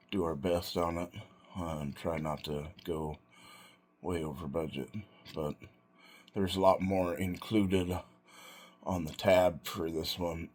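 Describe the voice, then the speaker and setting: A man talking casually and reflectively in a solo vlog, in short, halting phrases. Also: sits low, darkish tone. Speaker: vlogger and self-employed car restorer.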